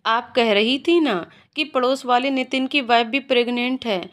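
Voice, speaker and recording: A playful young husband teases his wife in a quiet, lowered voice, as a woman storyteller reads him. He sounds relaxed and amused, with a gently mocking manner. The pitch still sits a little high. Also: normal speed, natural voice. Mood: teasing.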